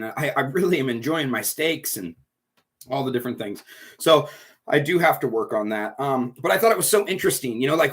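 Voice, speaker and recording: Here the recovery group leader sounds fairly bright, his medium-pitched voice thick with congestion. Broadcasting a livestream from inside his home, he chats away in a cheerful, meandering manner.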